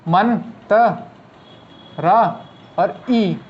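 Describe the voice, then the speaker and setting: A man's voice: high voice, extremely slow, muffled recording. A man teaching shorthand, explaining step by step with rhetorical questions he answers himself. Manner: patient, asks rhetorical questions and answers them. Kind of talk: explaining step by step in an online class.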